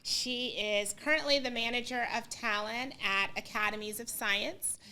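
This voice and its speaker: Middle-aged woman co-host, bright voice, relaxed and laughing easily. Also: on the high side, measured pace, smooth. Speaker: podcast co-host. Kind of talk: casual chat.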